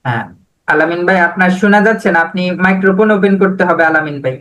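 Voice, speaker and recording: A man's voice: high voice, fast, fairly bright tone, rough recording. A man teaching an online spoken English class over a video call, patiently drilling letters and words.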